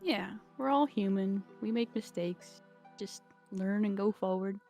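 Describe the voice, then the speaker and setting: A woman, a game developer, chatting casually on a stream, self-deprecating and quick to laugh. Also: medium pitch, dark tone, soft background music. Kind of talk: casual live-stream chat.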